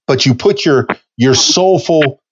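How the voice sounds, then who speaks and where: A man's voice: mid-range voice, expressive, noisy background. A man in his fifties hosting a podcast interview, talking eagerly with frequent restarts. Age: 50s. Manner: halting, restarts words, enthusiastic. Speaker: podcast host. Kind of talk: casual interview chat. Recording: slightly dull lo-fi audio.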